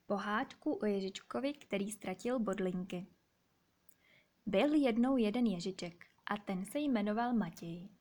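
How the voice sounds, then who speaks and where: A woman reading a children's story aloud, gentle and expressive. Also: medium pitch. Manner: gentle, expressive, slows for sad moments.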